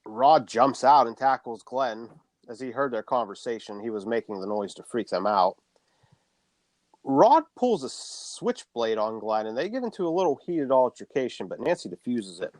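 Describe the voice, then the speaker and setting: A man's voice: medium pitch, big pitch swings, normal speed, a little mellow, no room sound. Casual, swearing male podcast host. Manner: casual, swears freely, plain recap delivery. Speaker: podcast co-host recapping a film. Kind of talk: casual podcast chat and plot recap.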